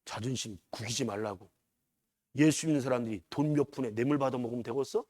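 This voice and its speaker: A middle-aged man preaching a sermon in a church, moving from quiet talk to loud, urgent exclamations and asking the congregation frequent questions. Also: medium pitch, fast, dry recording. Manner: preaching with big swings from soft to shouting, rhetorical questions. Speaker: pastor. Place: church sanctuary.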